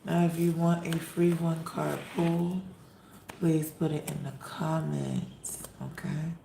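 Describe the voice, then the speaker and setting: A hoarse woman who has lost her voice, hosting a casual live stream as a spiritual reader and greeting viewers by name with sweet endearments. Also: deep voice, flat delivery, takes it slowly, roomy sound, background noise.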